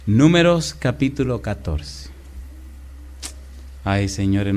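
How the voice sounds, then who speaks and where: Fervent preacher man. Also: fairly low pitch. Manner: fervent, calls out questions to the congregation, big swings in loudness. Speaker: pastor. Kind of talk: sermon with storytelling.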